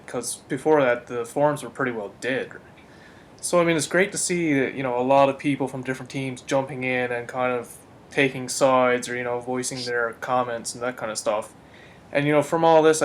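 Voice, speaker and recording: A man co-hosts a gaming podcast and speaks in a measured, thoughtful way, leaning on fillers as he works through his points. His pitch is middling for a man. A faint low rumble runs under his voice. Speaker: co-host. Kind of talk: casual podcast chat.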